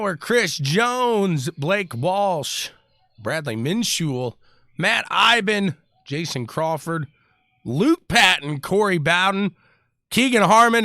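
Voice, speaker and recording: An excitable man calls a live online race, his voice high and bright with a forceful edge. He talks casually to his viewers and whoops between lap calls. The sound is dry and close to the mic. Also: dry recording. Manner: excitable, chatty, hollers and laughs between calls. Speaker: race commentator. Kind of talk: live sim-racing commentary.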